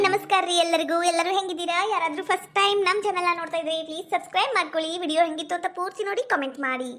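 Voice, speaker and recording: A woman's voice: very high voice, a bit bright. A woman with a North Karnataka Kannada accent hosting her channel, asking viewers in a friendly way to comment and support. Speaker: channel host.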